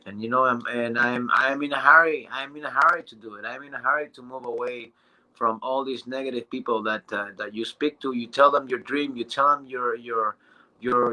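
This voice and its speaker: A man in his thirties giving an excited, casual motivational testimonial, often restarting and stumbling over his words. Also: medium pitch, poor audio. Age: 30s. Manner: excited and halting, with many restarts and fillers. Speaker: business testimonial speaker.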